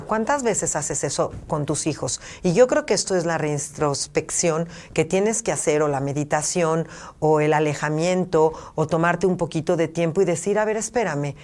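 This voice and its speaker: A woman's voice: sits low, a little mellow. A middle-aged woman, a parenting therapist giving an emphatic talk full of rhetorical questions and lists.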